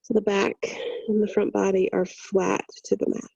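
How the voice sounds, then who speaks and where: A woman leads a yin yoga class in a soft, breathy voice with a gravelly creak. Her cues are gentle, soothing and unhurried. The sound is dry and slightly muffled, as in a close lo-fi recording. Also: medium pitch, level tone, no room sound. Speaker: yoga instructor. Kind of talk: guided yin yoga instruction.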